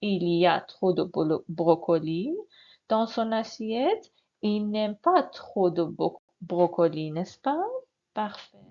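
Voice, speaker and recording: Woman teaching real slow, gravelly voice, dull lo-fi sound. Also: on the low side, animated. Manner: slow, patient, repeats words and asks learners to answer. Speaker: French teacher. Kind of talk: classroom lesson. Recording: dull lo-fi recording.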